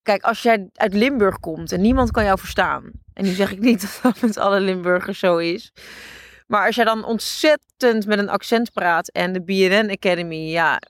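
A woman's voice: medium pitch, dry recording, clean studio sound. A Dutch woman co-hosting a podcast in casual chat, blunt and teasing. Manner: teasing, blunt, quick to laugh. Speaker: podcast co-host.

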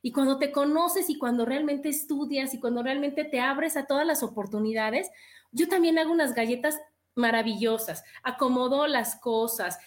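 A woman hosts a friendly talk show with enthusiasm. She sounds encouraging and upbeat, and her voice sits high. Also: moderate pace. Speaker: host. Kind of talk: casual chat.

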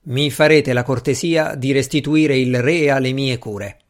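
A man's voice: medium pitch, measured pace, natural voice. A man voicing a haughty, contemptuous male asylum doctor in an audiobook, speaking in a pompous way.

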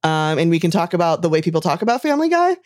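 A woman's voice: on the low side, big pitch swings, racing, a little mellow. A woman co-hosting a podcast in casual chat, bossy and teasing. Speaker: podcast co-host.

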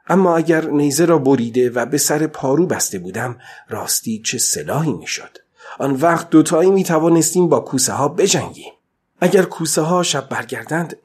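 A man's voice: medium pitch, breathy edge. A man voicing an exhausted, stubborn old fisherman alone at sea in an audiobook, talking to himself between weary murmurs and defiant outbursts. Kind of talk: audiobook reading.

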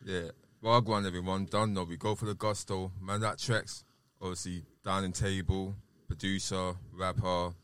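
A man's voice: deep voice, little pitch movement, normal speed, few pauses, a bit bright, clear, resonant tone. A man with a South London roadman accent, chatting casually and loosely in street slang as a podcast guest. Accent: South London, urban roadman. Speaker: podcast guest, rapper and producer.

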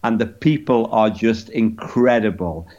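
A man, a podcast guest, telling a story in an animated way, with lots of stammering restarts and swearing. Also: on the low side, a little slow, dull audio.

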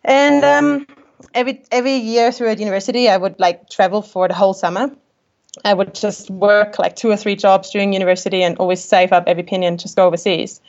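With the highs cut off, her mid-range, slightly mellow voice comes through steady in tone as she talks quickly. She's an Austrian woman in her twenties, a travel photographer whose accent carries a New Zealand tinge, chatting casually as a podcast guest, frequently laughing and starting sentences over.

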